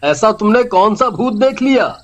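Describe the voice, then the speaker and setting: A man voicing a teasing, easygoing young husband in an animated horror story. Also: sits high. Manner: teasing, laid-back, drawn-out.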